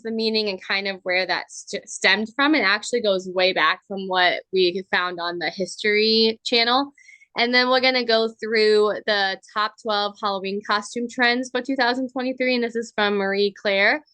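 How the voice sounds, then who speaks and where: Bright-voiced chatty woman co-host. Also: fairly high pitch, normal speed, no room sound. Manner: chatty, reads from articles, trails into asides. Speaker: podcast co-host. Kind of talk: casual chat.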